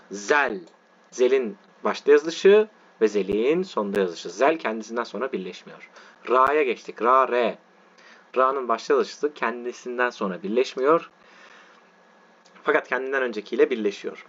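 A male teacher giving an online lesson, walking through letter forms slowly and often checking that his listeners are following. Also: medium pitch. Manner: repetitive, checks in with "tamam mı arkadaşlar". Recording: dull lo-fi audio.

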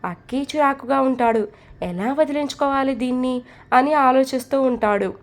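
High-voiced woman telling a story. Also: moderate pace. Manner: plain, steady storytelling. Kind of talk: storybook narration.

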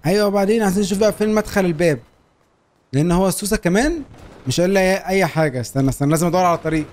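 Excitable young Egyptian man gaming. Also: sits high. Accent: Egyptian Arabic. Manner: animated, laughing, quick banter. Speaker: gaming YouTuber. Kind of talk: excited gameplay chat.

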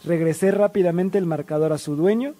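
A young man narrating an animated storytime in a lively, self-mocking way, acting out other people's lines. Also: high-pitched, brisk.

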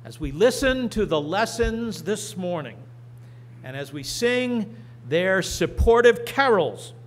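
A middle-aged man preaching and reading scripture from a church lectern, slow and deliberate with emphatic rises. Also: sits high, very animated. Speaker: pastor. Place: church sanctuary. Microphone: lectern microphone.

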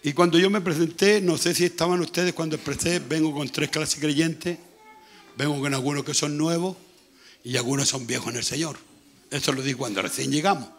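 A man with a Chilean accent preaching a sermon as pastor, with a hoarse, gravelly voice, talking loudly and repeating himself as he goes. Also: on the high side, normal speed. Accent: Chilean Spanish. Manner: speaks loudly, conversational preaching with frequent repetition. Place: church.

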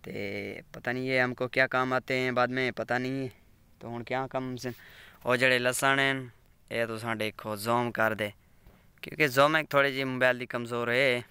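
A Pakistani village vlogger with a Saraiki accent rambles cheerfully while walking among his farm fields, filming on a phone camera and repeatedly urging viewers to subscribe. His voice is bright, very clear and medium-pitched, with an even, level tone at normal speed. The close recording is dry, without room echo.

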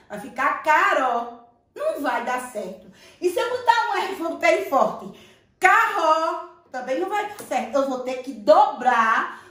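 Playful high-voiced woman teacher, echoey room. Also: fairly bright tone. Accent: Brazilian Portuguese. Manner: playful, affectionate, sing-song teacher talk. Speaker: primary school teacher. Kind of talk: recorded online lesson for young children. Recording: echoey room, voice a bit far from the mic.

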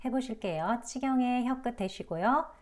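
A woman's voice: a little high, normal speed, darkish tone. Patient woman teaching pronunciation. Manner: patient, demonstrative, polite and encouraging. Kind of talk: online phonics lesson.

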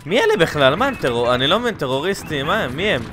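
Excitable young man, gunfire behind. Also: on the high side, background noise. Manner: excitable, bursts into loud exclamations. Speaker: gaming channel host. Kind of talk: let's play commentary. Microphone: headset. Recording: gunfire and game sounds loud behind.

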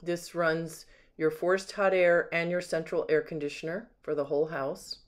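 Inside the rooms of an empty house, a home sales agent films on a handheld camera while casually describing and admiring things one at a time. The delivery is unscripted, with a medium pitch, level tone, and normal speed.

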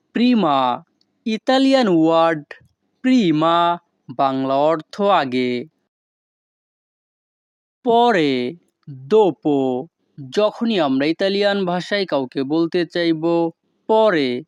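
A man with a Bengali accent teaching vocabulary, saying each word slowly and deliberately. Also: fairly high pitch, clear, resonant tone, no echo. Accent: Bangladeshi Bengali. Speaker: language teacher. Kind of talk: slow vocabulary lesson.

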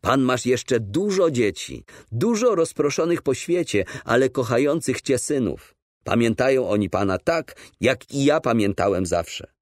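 Brief: pleading, devoted dad read by a male narrator, expressive and dry. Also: mid-range voice, measured pace, dry recording. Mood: earnest comforting. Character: warm, devoted middle-aged father. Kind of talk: audiobook character voice.

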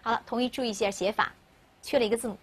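Brief: woman teacher explaining English grammar to a class, native Mandarin speaker, a little high and husky. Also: steady tone, racing. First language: Mandarin Chinese. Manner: asks questions and answers them herself.

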